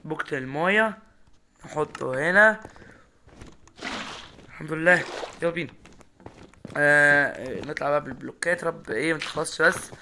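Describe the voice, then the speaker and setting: A young man with an Egyptian Arabic accent commentating his own Minecraft run, excitable, talking straight to his viewers and repeating words in bursts. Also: a little high, moderate pace, long pauses, a little hiss or hum. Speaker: gaming YouTuber.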